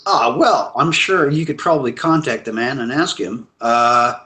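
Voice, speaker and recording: A man's voice: medium pitch, normal speed, bright, forceful tone, reverberant. A man hosting a casual live stream from home, joking and rambling as he shows things to his viewers. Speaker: host.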